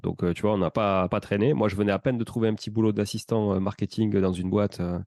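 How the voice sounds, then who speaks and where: A man in his thirties with a Toulouse accent, telling his life story as a podcast guest in a relaxed, rambling way with many fillers. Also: fairly low pitch, fast, no room sound, clean studio sound. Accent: Toulouse French. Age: 30s. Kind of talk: casual conversational storytelling.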